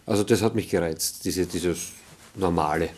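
A man's voice: low-pitched, moderate pace, darkish tone. A middle-aged man talking in a behind-the-scenes interview, thoughtful and hesitant, with many fillers. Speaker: actor in an interview. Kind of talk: making-of interview. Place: dressing room with mirror lights.

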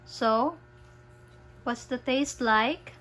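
Woman, slow coaxing mother, fairly high voice, soft music behind. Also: low-quality recording. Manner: slow, coaxing, patient instructions. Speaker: mother guiding her child's lesson. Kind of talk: homeschool lesson with her child.

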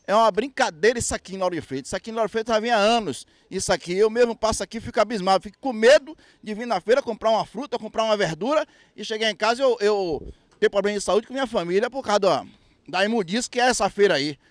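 A man's voice: high voice, quick pace, dry recording. A man, speaking indignantly into a reporter's handheld mic outdoors, with hesitant restarts. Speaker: interviewed local resident. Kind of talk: street interview complaint. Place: outdoors at a street market.

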